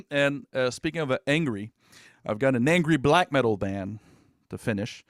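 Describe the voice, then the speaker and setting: A man's voice: medium pitch, expressive, normal speed, a bit bright, dry recording, clean studio sound. A man co-hosting a podcast, chatting casually and ramblingly about metal albums, with swearing and frequent laughs. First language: French. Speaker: podcast co-host.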